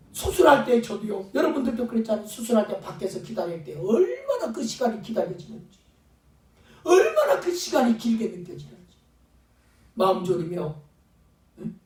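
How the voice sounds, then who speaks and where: High-pitched fervent male pastor preaching. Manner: fervent preaching, acting out pleading voices. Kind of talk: sermon. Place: church sanctuary. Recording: echoey church sound from a distant mic.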